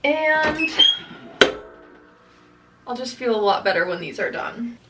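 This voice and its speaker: A woman's voice: on the high side, lively intonation, slow pace, loud music behind the voice, low-quality recording. A young woman chatting casually to camera in her shop as a vlogger, upbeat and laughing often. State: out of breath. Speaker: vlogger and small business owner. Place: her print shop, indoors.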